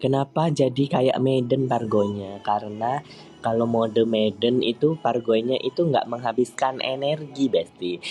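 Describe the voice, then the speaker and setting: A man chatting casually on a live stream, answering viewer comments in a playful, teasing way with sudden high squeaky outbursts. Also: a little mellow. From East Java, Indonesia.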